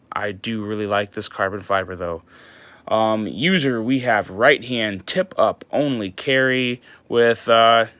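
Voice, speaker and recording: A man with a bright, forward voice talks through a knife review in a casual, eager way. He rambles, restarts and stumbles over words in his early-morning voice. The sound is close and dry. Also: mid-range voice, no echo. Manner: enthusiastic, rambling with restarts and fillers.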